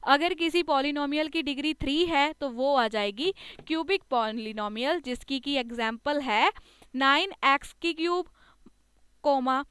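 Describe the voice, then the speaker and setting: High-voiced woman teaching maths. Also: fairly bright tone, dry recording. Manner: patient, step-by-step explaining, slows to read terms aloud, often adds a checking "okay". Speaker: maths tutor. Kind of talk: classroom lecture explaining maths.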